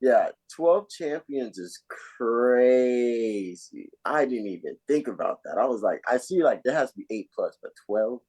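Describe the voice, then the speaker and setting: A man's voice: mid-range voice, animated, a little slow, hardly any pauses, darkish tone, slightly rough, low-quality recording. A man co-hosting a casual sports podcast, laid-back and joking, swearing freely. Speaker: podcast co-host.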